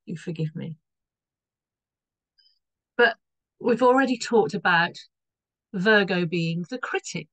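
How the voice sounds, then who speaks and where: A woman with a croaky voice explaining an astrology chart, rambling a little and correcting herself as she goes. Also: mid-range voice, a bit bright, dry recording, low-quality recording. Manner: rambling, loses her thread and corrects herself.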